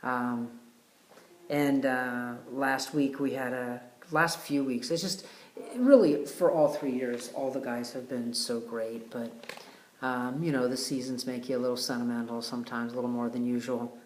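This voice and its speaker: A man hosting a retreat, giving a casual, heartfelt video message with many pauses and fillers. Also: medium pitch, fairly even intonation, darkish tone. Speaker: retreat host. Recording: roomy echo.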